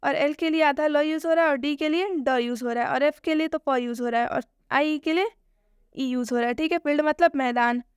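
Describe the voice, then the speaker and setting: Woman, high voice, dry close sound, patient step-by-step online lesson, asks and answers her own questions. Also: brisk, no echo. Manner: explains step by step with repeated questions. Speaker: English pronunciation teacher.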